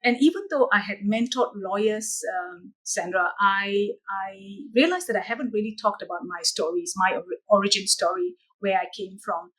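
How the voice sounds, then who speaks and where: Lady coach, husky breathy voice, thoughtful steady telling of her story. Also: medium pitch, low-quality recording. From Malaysia. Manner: earnest, measured storytelling with some restarts. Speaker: guest, coach. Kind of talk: reflective interview answers.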